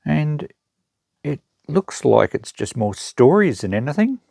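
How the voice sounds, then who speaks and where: Sing-song and unhurried, a slightly high, gravelly, darkish male voice carries this casual, unscripted show-and-tell. The speaker is an Australian unboxing host and secondhand shop seller who thinks aloud matter-of-factly while showing items. The recording is dry and studio quality.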